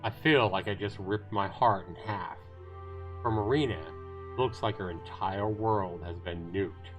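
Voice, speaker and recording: A man with a lowish voice reads visual novel narration on a livestream, a little slowly and with dramatic flair. He occasionally stumbles over the text, and guitar music plays behind him.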